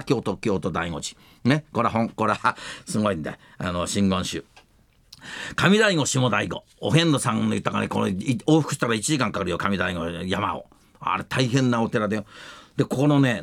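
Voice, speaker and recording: An older man at a middle pitch chats on air in a loose, rambling way, with rough everyday phrasing. His storytelling gets lively at the funny parts. The sound is dry and close, with no room around it. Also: no room sound. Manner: rambling, colloquial storytelling with rough casual speech. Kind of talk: casual radio talk.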